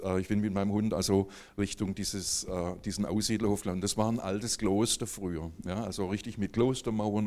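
Man, lowish voice, chatty testimony storyteller with fillers and asides. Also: darkish tone. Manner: casual storytelling with many fillers and tag questions. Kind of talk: spoken testimony to a live audience.

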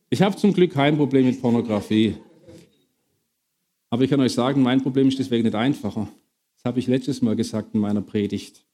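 A middle-aged man preaching a sermon to his congregation, lively, questioning and bantering with the listeners. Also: mid-range voice.

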